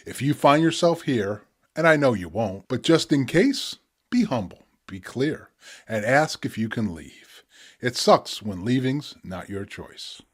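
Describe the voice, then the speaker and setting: A man in his sixties reciting spoken word poetry in a measured, deliberate delivery with dramatic pauses. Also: mid-range voice, very animated. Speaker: poet presenting own work.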